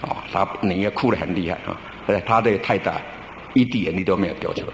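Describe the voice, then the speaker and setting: A middle-aged male pastor preaching a sermon in a relaxed, storytelling way, drawing out his sentence-end particles. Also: sits low, fast talker, a little hiss or hum. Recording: roomy church recording with faint ambience.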